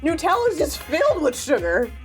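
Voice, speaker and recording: Expressive blunt woman tasting food. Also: high-pitched, normal speed, faint music behind. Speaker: co-host. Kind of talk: casual food tasting chat.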